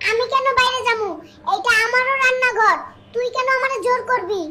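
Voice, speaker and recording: A squeaky cartoon voice doing a grumbling husband. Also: steady tone, a little fast. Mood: scolding. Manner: scolding, fed up. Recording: loud background noise.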